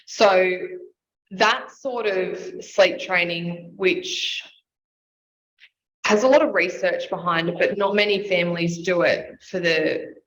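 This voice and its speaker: A woman's voice: lowish voice, slow, a bit bright. A woman explaining child sleep as an expert guest, laying out her points step by step. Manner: explanatory, sets out points in lists. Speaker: sleep and nutrition consultant. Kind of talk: expert explaining in casual interview. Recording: slightly dull audio with faint noise.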